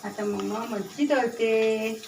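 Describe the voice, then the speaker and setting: Brief: talkative home-cook woman, higher voice, filmed from across the kitchen, pots clattering behind. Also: steady tone, slow, vocal fry, far from the mic, noisy background. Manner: chatty, talks to her pet parrot and viewers while cooking. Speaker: home cooking vlogger. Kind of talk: casual kitchen vlog chat. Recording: echoey kitchen from off-mic. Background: clatter of pots and dishes.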